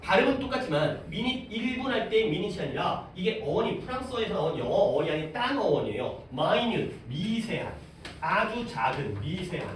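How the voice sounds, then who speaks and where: A male teacher explains a reading passage to his class, stopping often to ask questions and answer them himself. His voice sits high and moves a lot in pitch. The sound is very echoey, picked up from across the room with faint noise behind. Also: big pitch swings, fairly quick, distant mic. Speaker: high school English teacher.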